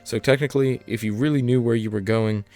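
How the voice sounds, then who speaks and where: A man's voice: medium pitch, fairly even intonation, fast, a little mellow, soft background music. A man delivering scripted explainer narration as the narrator of a video essay.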